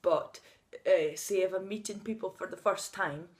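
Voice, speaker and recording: A woman in her thirties talks at medium pitch and a moderate pace in a personal vlog shot outside on a sunny day. Her speech is unscripted, open, and emotional, broken by occasional laughter, and her stutter blocks on the first sounds of words.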